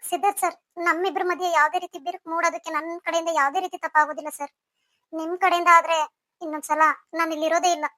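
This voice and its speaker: A woman's voice: very high voice, fairly even intonation, very fast, pushed and bright, dry recording, studio quality. A woman voicing a young female student and wife in a cartoon, talking in an earnest, polite, reproachful way. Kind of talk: cartoon voice acting.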